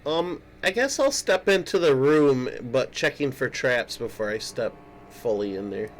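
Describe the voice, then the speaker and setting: A man's voice: medium pitch, animated, measured pace. A man chatting casually as a player in a tabletop role-playing game. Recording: faint music behind the voice.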